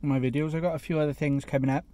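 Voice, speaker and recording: A man reviewing a fast food burger in a chatty, casual vlog, sometimes talking with his mouth full, sitting in a parked car. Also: on the high side, little pitch movement, warm tone. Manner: chatty, eats while talking, self-deprecating asides. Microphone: phone camera.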